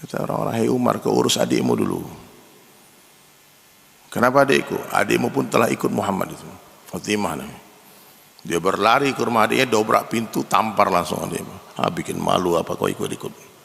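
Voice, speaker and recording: A man delivers a sermon with a gravelly, forceful voice. He tells stories in a lively way and keeps turning to speak straight to the men listening. His voice carries a long reverb, as if he were preaching in a spacious hall. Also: lowish voice, fairly quick. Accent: Indonesian. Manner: lively storytelling, addresses the men in the audience as "Pak".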